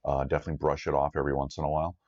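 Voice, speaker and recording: A man with a very low, deep voice chats casually as co-host of a gardening live stream. He talks in a relaxed way, filling gaps with ums and uhs. The audio is dull and lo-fi. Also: very fast. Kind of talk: casual chat.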